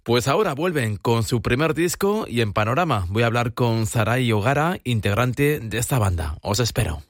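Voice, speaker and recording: A man presenting a scripted radio trailer in a brisk announcing manner. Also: medium pitch, lively intonation, dry recording, clean studio sound.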